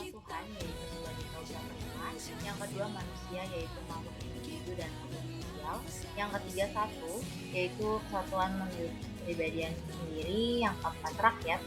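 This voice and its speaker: Low-voiced woman reciting a scripted narration. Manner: reads lists in an even, recited cadence. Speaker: student narrator. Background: background music.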